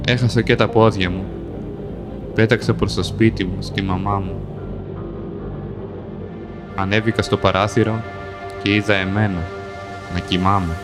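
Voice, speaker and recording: Man narrating a dark tale over music. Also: on the low side. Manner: calm, measured, plain reading in short sentences. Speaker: storyteller. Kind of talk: scripted first-person narration of a dark fantasy tale.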